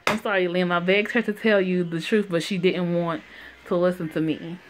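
A woman's voice: fairly low pitch, normal speed, background noise, natural voice. A woman voicing a guilty, pleading young woman. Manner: pleading, apologetic, calming.

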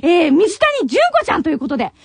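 A woman's voice: very high voice, huge pitch swings, quick pace, vocal fry, no room sound. A young woman hosting a late-night radio show in Nagoya dialect, voice worn from crying as she says an emotional farewell, heard on a muffled old cassette tape. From Tokai region of Japan. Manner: emotional farewell, voice choking with tears between laughs. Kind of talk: radio talk, reading listener letters. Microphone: studio radio mic.

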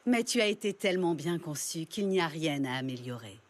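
An actress playing a self-assured sorceress in an anime dub, composed, dry and commanding. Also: female voice, low voice, animated, brisk. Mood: cool, guarded.

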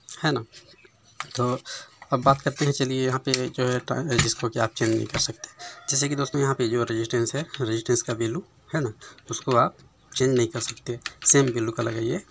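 Man, TV repair tutor, chatty and relaxed, phone mic over the bench, faint hiss. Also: medium pitch, gravelly. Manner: conversational, keeps adding "है ना" and "दोस्तों". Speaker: TV repair instructor. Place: workshop bench, voice behind handheld phone camera.

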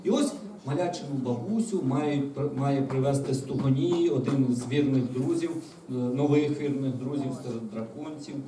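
A children's author reading his book aloud to children in a meeting room, in a lively, expressive storytelling way. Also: mid-range voice, moderate pace, a little hiss or hum. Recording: echoey room, mic far off.

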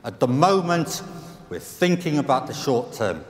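A man's voice: medium pitch, sing-song, unhurried. A middle-aged man from the UK giving an emphatic conference keynote as an economist, using rhetorical questions and repeated punchlines, on a large stage with a headset mic. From United Kingdom. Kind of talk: conference speech. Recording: roomy hall reverb.

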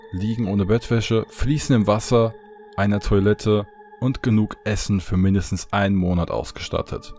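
A man reading a horror story aloud in calm, measured narration. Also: low voice.

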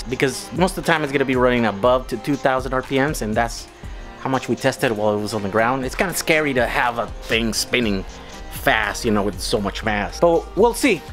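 Man explaining car work in his garage. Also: mid-range voice. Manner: explains hands-on, thinking aloud. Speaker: vlogger. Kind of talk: casual DIY vlog. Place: home garage.

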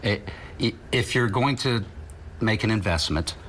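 A middle-aged man guest on a TV studio segment, giving measured, advisory answers on a lapel mic. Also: lowish voice, a bit bright, slight background noise. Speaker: guest, remodeling company co-owner. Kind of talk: TV interview answers. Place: TV studio set, in doors.

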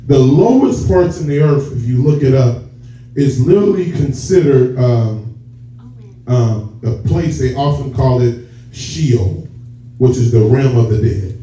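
The preacher, a man serving as church elder, has a medium-pitched, mellow voice with lively intonation and an unhurried pace. He speaks to the congregation directly and conversationally, drawing out key words. Captured from afar by a camera at the back of a sanctuary with a stage and rows of seats, the audio is echoey, muffled and noisy.

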